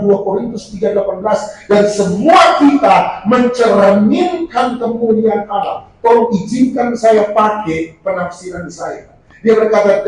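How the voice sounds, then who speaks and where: A man preaching a sermon as a pastor, animated, often raising his voice to a shout for emphasis and acting out the voices he quotes. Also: sits high. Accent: Indonesian. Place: church prayer meeting hall. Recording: distant, very echoey hall with faint noise.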